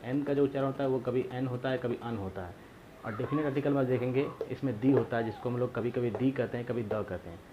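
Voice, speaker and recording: A man's voice: medium pitch, fast talker, lo-fi sound, slight background noise. A man teaching a grammar lesson, explaining patiently and repeating himself, asking rhetorical questions to his viewers.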